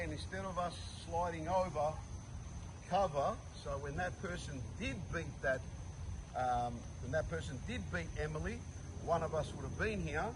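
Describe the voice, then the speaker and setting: High-pitched male coach giving halftime pep talk. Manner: instructive, emphatic, checks understanding with short questions. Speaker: youth girls' soccer coach. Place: outdoors beside a soccer field. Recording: noisy outdoor recording with vehicle sounds.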